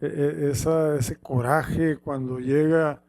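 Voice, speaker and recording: A man reading Bible passages aloud and then preaching on them, with slow, halting delivery and many repeated words and fillers. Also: on the high side, fairly even intonation, creaky, a little mellow.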